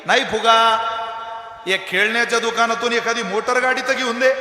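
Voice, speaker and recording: A little boy whines and cries for his mother, played by a male preacher. His high, bright voice echoes through a large hall. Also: moderate pace, exaggerated voice. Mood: begging. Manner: whining, tearful. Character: small boy, begging, later crying for his mother.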